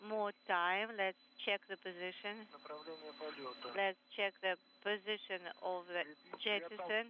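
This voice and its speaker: A man's voice: high-pitched, little pitch movement, unhurried, dull audio, background noise. A man relaying spacewalk instructions over a radio link, like a communicator in space comms. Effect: radio transmission.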